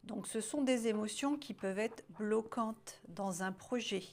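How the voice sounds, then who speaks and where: Slow-talking woman guiding a self-help exercise. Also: medium pitch. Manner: slow, musing, often drops to a murmur or whisper while writing. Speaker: self-help workshop guide. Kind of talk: guided exercise, thinking aloud while writing. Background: classical music playing.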